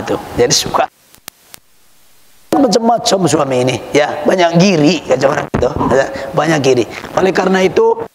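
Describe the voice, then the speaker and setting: A man preaching to a crowd, joking and acting out household scenes with big pitch swings. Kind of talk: sermon. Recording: echoey hall with faint noise.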